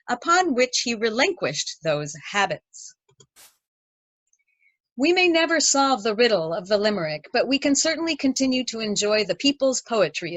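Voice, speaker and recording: A woman's voice: medium pitch, fairly bright tone, no room sound. Woman narrating a poetry lesson, dry. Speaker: teacher. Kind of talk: scripted educational narration.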